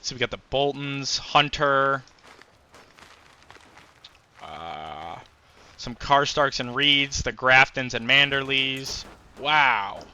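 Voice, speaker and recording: Slow-talking bright-voiced man playing a game. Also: mid-range voice, smooth. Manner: musing aloud while playing, frequent fillers. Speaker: gameplay commentator. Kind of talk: casual gameplay commentary.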